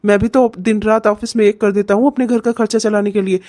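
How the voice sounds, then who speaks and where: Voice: mid-range voice, steady tone, fast talker, darkish tone, close to an everyday voice. A performer voicing a jealous young husband in a cartoon, sulky and complaining that no one praises him. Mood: irritated. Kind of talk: cartoon voice acting.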